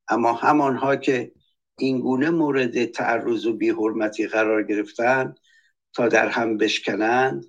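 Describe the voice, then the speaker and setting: Angry impassioned guy on a political talk show, reading testimonies aloud. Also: mid-range voice. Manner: angry, denouncing. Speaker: panelist.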